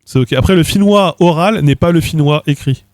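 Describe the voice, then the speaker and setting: A Frenchman in his thirties chats casually on a livestream, experimenting with languages and hesitating with fillers. His voice is on the high side and a little mellow, at normal speed, in a dry, studio-quality recording.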